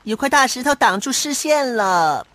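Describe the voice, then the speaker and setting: A woman voicing a lively, friendly young adventure companion in a children's cartoon, childlike and emphatic. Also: sits high, moderate pace, very noisy. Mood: curious. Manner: childlike, emphatic echoing of phrases. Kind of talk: children's cartoon dub acting.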